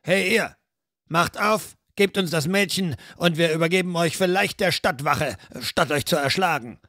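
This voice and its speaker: A man's voice: fairly high pitch, moderate pace, fairly bright tone, no room sound, clean studio sound. A man voicing a blunt, short-tempered veteran warrior who growls his threats. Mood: threatening.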